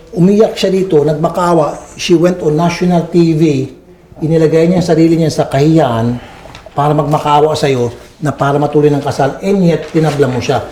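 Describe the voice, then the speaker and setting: A man mediates a quarrel with firm, reasoned talk, slipping English phrases into his sentences. His voice sits a little high. The room around him is echoey, with faint noise underneath. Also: a little mellow. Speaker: host mediating a dispute. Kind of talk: public service mediation talk.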